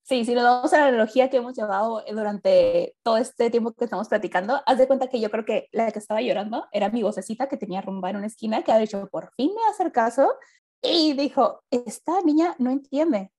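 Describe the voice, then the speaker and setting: A young woman, a podcast guest telling a personal story in casual chat and acting out the dialogue with lively jumps in her voice. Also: quick pace. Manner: animated, acts out quoted dialogue with big pitch jumps.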